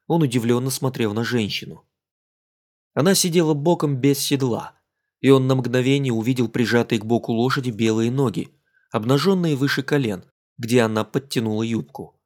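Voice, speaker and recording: Guy reading an adventure audiobook, steady even voice, mid pitch. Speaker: audiobook narrator. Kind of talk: scripted narration.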